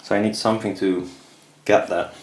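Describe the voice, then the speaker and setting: A DIY maker at a home workbench indoors talks casually and hesitantly about his hands-on work, muttering to himself. His voice is lowish and level at a normal speed, and the low-quality recording carries clear background noise and clicks of handling.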